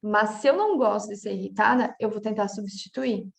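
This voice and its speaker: A coach with a Brazilian Portuguese accent teaches a casual spoken class in a brisk, medium-pitched voice with vocal fry. She talks through examples, sprinkling in lots of filler checks like "tá?".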